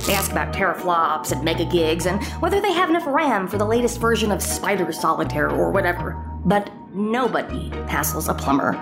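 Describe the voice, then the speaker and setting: A woman playing a brash, quick-thinking schemer who bosses her partner around in an audio drama. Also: on the low side, over music. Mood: scheming. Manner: brash, bossy, with bursts of nervous excitement.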